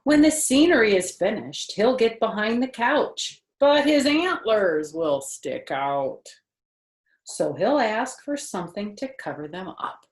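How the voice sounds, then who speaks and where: An older woman's mid-range, animated voice fills an echoey room as she reads a picture book to children. She's grandmotherly and talkative, pausing on phrases, quizzing her young audience, and dropping in casual asides.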